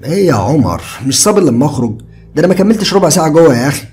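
A man's voice: on the high side, sing-song, racing, a little mellow, slight background noise, pitched above the performer's own voice. A man voicing a carefree young male friend who jokes and brushes off worry, in an Egyptian Arabic accent. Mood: teasing. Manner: easygoing, joking, brushes off worry.

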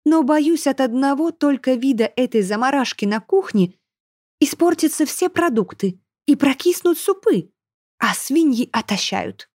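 Woman playing a mock-sweet haughty stepmother, high, lilting, storybook. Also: expressive, unhurried, a little mellow, dry recording, clean studio sound. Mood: sugary. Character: sugary scheming stepmother, haughty young bride.

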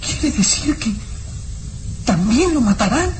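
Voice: medium pitch, sing-song, slow, a little mellow. An actor playing a grieving orphaned boy, earnest and pleading, in the melodramatic style of an old radio show. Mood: despairing. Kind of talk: old radio serial acting. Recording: old radio recording with music.

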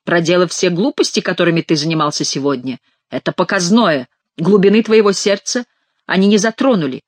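Woman doing a hoarse wheezing fake God voice, stern, accusing, low, dry recording. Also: a little fast, no room sound, lightly acted.

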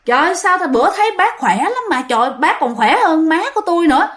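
A woman's voice: lively intonation, fast, a bit bright. A woman voicing a startled middle-aged man who exclaims in disbelief on the phone, in a told ghost story. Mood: shocked disbelief. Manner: high, incredulous exclaiming.

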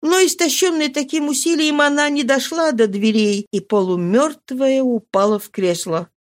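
A woman narrating a classic novel in an earnest, measured storytelling manner. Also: sits high. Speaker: audiobook reader.

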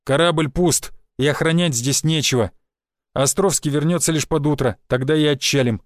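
A man voicing a gruff, dismissive male ship guard who talks in a rough, scornful way. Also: on the high side, normal speed, dry recording, studio quality, natural voice. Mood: threatening.

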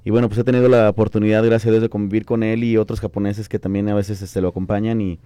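A man's voice: lowish voice, flat delivery, quick pace, mellow, clean tone, no echo, clean studio sound. A man co-hosting a radio talk show, chatting in a friendly, agreeable way. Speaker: radio co-host. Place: radio studio.

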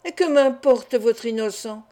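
Brief: cold, proud society woman scolding, read by a woman, fairly high voice. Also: measured pace, mellow, close to an everyday voice. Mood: scornful.

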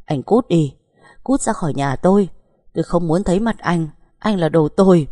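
A woman's voice: lively intonation, normal speed, warm tone, dry recording, clean studio sound. A woman voicing a distraught young pregnant woman who pleads and sobs in a raised, strained voice. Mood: furious. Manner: sobbing, pleading, pitched up.

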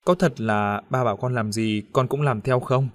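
A man reads as a scheming middle-aged father in an audio novel, his voice pitched at an ordinary male middle. He sweet-talks and wheedles, with a low threat never far off. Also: normal speed, natural voice. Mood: coaxing. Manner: coaxing and wheedling, turning to harsh threats.

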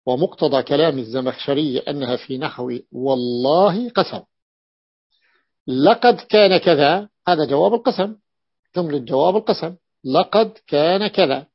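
A man's voice: fairly high pitch, breathy edge. Man teaching grammar, lo-fi. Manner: repeats key phrases, asks and answers his own questions. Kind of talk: classroom lesson explaining a text. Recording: dull lo-fi recording.

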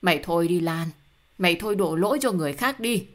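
A woman voicing a stern, weary old father who scolds gruffly in a storybook reading. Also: lowish voice, lively intonation, fast talker, lightly acted. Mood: scolding.

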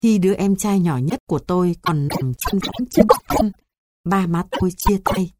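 A woman reading a memoir aloud in a measured, sorrowful way. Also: lowish voice, a little mellow. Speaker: narrator. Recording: noisy hissy recording.

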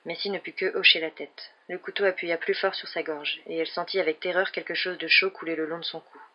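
A woman's voice: on the low side, fairly even intonation, fast talker, breathy edge. Woman reading a novel aloud, dull recording. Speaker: reader. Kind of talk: audiobook narration.

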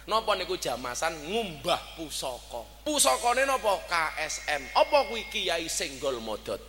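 A man with a Javanese accent delivers a sermon, his voice bright and forceful and set a little high. He tells stories with animation, swinging from loud to soft. A long reverb and a faint hiss of background noise surround him. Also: big pitch swings, moderate pace, soft background music. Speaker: preacher.

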